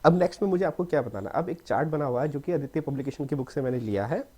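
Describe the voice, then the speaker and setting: A man's voice: a little high, expressive, racing, mellow, slightly rough. A young man teaching a casual lesson, often checking in with "okay" and slipping in English words. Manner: repetitive, mixes in English words, frequent "theek hai".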